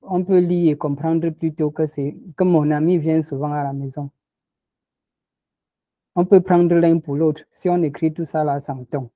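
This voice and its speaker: A man's voice: fairly high pitch, steady tone, a little slow, no room sound, highs cut off. A man teaching a lesson, patiently explaining tones and repeating example words. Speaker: language teacher.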